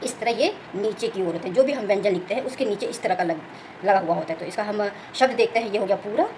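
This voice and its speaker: Brisk woman teacher, high-ish voice, fast step-by-step explaining, faint background noise. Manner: explains step by step, often asks "clear?" and says "okay". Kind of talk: Hindi grammar lesson.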